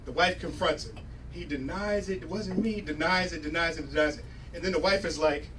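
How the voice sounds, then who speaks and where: A man performing a stand-up comedy set on a club stage, talking in a loose, conversational, rambling way. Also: on the high side. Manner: conversational, rambling delivery with quick asides. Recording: distant, noisy club recording with laughing crowd. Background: audience laughter and loud room noise.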